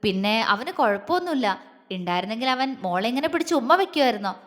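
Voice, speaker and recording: A woman's voice: on the high side, very animated, quick pace, a bit bright. Jovial middle-aged father, comforting tone, voiced by a woman narrator, long reverb.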